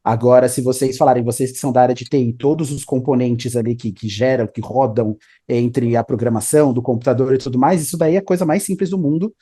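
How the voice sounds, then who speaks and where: A man's voice: medium pitch, fairly even intonation, fast, few pauses, dark tone, slightly rough. A man, an English teacher explaining study tips in a casual interview, often adding "né?" and "tá?". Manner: explanatory, repeats 'né?' and 'tá?'.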